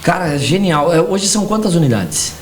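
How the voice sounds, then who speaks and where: Enthusiastic Brazilian podcast host. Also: male voice, on the high side, sing-song, brisk. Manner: enthusiastic, frequent short exclamations. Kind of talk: casual interview.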